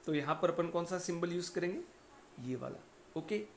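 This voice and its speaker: A man's voice: on the high side, expressive, moderate pace, creaky, slight background noise. A man teaching a phonetics lesson. He explains step by step, checks in often with his listeners and reads example words out one at a time.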